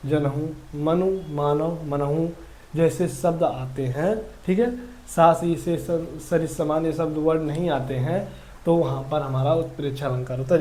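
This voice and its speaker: Warm-voiced man teaching slowly. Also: fairly high pitch. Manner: repetitive, drills words slowly. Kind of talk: explaining grammar lesson.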